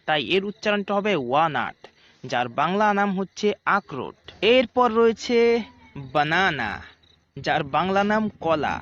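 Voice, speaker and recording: A man hosting a casual spoken lesson, chatty and friendly, saying each word twice, slowly and clearly. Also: high voice, no echo, dull audio. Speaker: channel host teaching English words.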